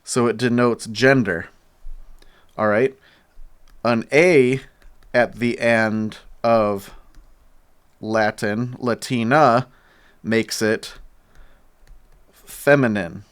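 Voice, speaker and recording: A man teaching a bible lesson at a whiteboard, explaining slowly and pausing while he writes. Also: medium pitch, fairly even intonation, clean tone. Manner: slow, explanatory, pauses while writing. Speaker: church teacher.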